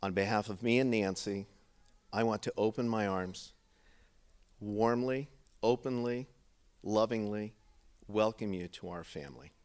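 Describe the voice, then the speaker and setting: A middle-aged man giving a heartfelt father of the bride speech to wedding guests, in deliberate, paused phrases. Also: fairly low pitch, a little mellow, clear, resonant tone.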